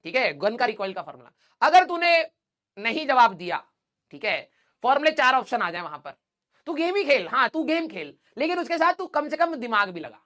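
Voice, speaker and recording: A man's voice: extremely high pitch, big pitch swings, fairly quick, pushed and bright. Casting: a man as a playful, joking physics teacher who teases his online students, laughs a lot and tosses in English physics terms. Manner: teasing, playful, laughs often; mixes English physics terms into casual speech. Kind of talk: joking banter in a live online class.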